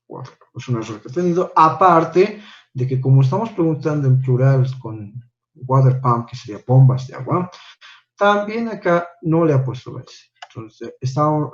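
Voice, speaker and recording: A man's voice: medium pitch, lo-fi sound. A man teaching an English class online, patiently correcting homework and checking in with "¿no?" after each point.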